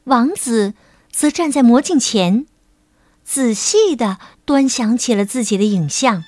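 A woman reading a children's story aloud in a gentle, slow and expressive way. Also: a little high, no echo, studio quality. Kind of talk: scripted children's story narration. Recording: narration over loud music.

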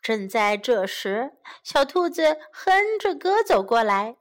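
A woman narrating a bilingual children's story in a gentle, expressive read-aloud manner. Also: a little high, takes it slowly.

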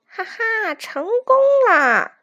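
A woman's voice: very high voice, big pitch swings, slow, pushed and bright, voice pushed up, exaggerated voice. A woman voicing a sneering, boastful male weasel who taunts chickens in a storybook reading. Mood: taunting. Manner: taunting, mocking.

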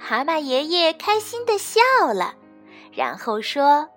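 A woman storyteller gently and expressively reading a bedtime story to children. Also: high voice, sing-song, slow pace, faint music behind.

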